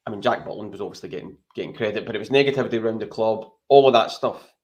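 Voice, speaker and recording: A Scottish podcast co-host chats casually about football, his lowish, slightly mellow voice racing along. He rambles in a chatty way, often tacking "right?" onto his points.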